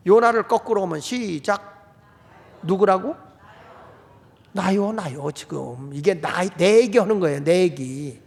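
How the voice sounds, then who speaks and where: A male pastor gives an animated sermon and throws questions to his congregation. His voice is high-pitched with a gravelly edge. The sound carries the long reverb of a church sanctuary. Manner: animated preaching, acts out quoted outbursts, asks the congregation questions.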